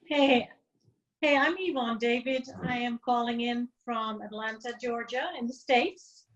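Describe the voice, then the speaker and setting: A woman from the Netherlands introduces herself on a video call in a brisk, friendly way. Her voice sits fairly high. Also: fairly even intonation, lo-fi sound. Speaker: participant, intercultural coach.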